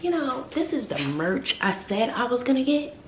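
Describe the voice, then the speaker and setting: A middle-aged American vlogger talks casually to the camera at home, mostly in her kitchen, with a sassy, emphatic, comedic style and repetition for effect. Her voice is fairly high with big pitch swings at a normal speed. The camera is handheld or close by at arm's length, and the room is echoey with clear background noise.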